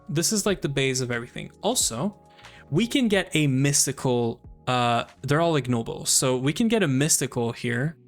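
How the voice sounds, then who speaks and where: A man with a Canadian accent, chatting casually while playing a game on stream and thinking out loud. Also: medium pitch, vocal fry. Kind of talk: casual gaming commentary.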